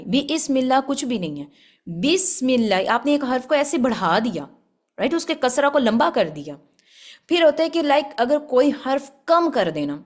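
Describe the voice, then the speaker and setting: A woman giving a religious lesson on Quran recitation, explaining patiently and often checking with her listeners. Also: a little high. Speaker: Quran tajweed teacher.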